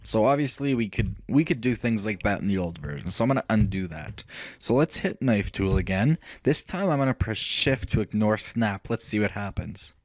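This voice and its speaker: A man hosting a software tutorial, thinking aloud as he clicks through features, rambling with fillers and self-corrections. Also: fairly low pitch, animated, normal speed, dry recording. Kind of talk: casual screen-recorded software walkthrough.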